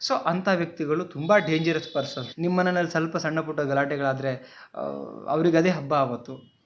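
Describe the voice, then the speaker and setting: A man with a Kannada accent delivers an earnest motivational talk, repeating his advice point by point. His voice sits fairly high for a man. The recording sounds dull and lo-fi. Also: fairly even intonation, normal speed. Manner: earnest, repetitive, instructive, mixing English words. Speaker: motivational speaker.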